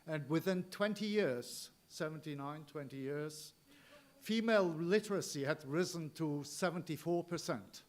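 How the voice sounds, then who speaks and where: A man from Turkey with a Turkish accent gives an informal political speech, halting at times and repeating key points for emphasis. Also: a little high. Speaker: rally speaker.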